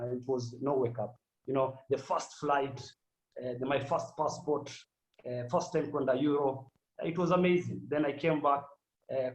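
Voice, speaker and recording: A man's voice: mid-range voice, darkish tone. Kenyan man talking with a dull lo-fi sound. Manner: switches between English and Swahili, hesitant with many fillers. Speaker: sports agent. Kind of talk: casual interview.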